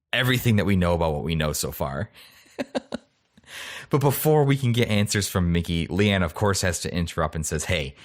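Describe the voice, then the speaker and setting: A young man with a low voice hosts a podcast, recapping a story in a relaxed, chatty way. He tosses in little reactions and laughs as he goes. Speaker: podcast host.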